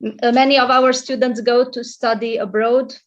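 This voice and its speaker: A middle-aged woman from Romania, whose first language is Hungarian, speaks at a moderate pace with a fairly high, flat-sounding voice that moves little in pitch. She works as a librarian and English tutor and is a guest in a casual video-call interview, hesitating with many fillers and restarts. The recording is muffled and lo-fi.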